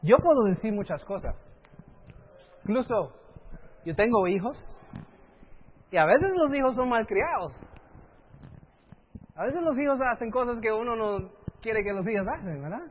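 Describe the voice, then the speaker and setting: High-voiced preacher in a dull recording. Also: male voice, animated, measured pace, long pauses. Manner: keeps asking the audience "right?", with rhetorical questions; slips English phrases into his Spanish. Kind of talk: sermon. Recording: dull lo-fi sound with faint hiss.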